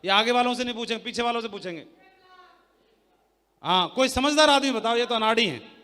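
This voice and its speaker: A man giving a motivational sales talk on a handheld mic to a live audience, loud and teasing, quizzing the crowd. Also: very high voice, fairly quick, in a large hall. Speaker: seminar speaker. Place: large hall with an audience.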